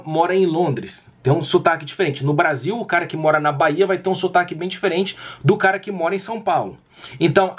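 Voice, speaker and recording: Husky Brazilian man in his thirties ranting. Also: a little high. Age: 30s. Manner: exasperated, emphatic, repeats himself. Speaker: gaming YouTuber. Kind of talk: casual vlog rant to camera.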